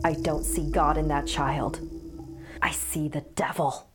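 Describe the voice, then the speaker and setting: A woman playing a troubled young mother, her words flat and chilly. Music runs beneath the storytelling voice. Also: sits low, unhurried. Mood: cold. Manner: flat, cold delivery.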